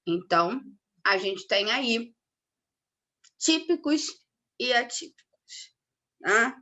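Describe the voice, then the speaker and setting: Woman, young adult, grammar teacher, emphatic, bright tone, animated pitch. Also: slow pace. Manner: explanatory, stressing key words, frequent "tá?" checks. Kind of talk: recorded grammar lesson.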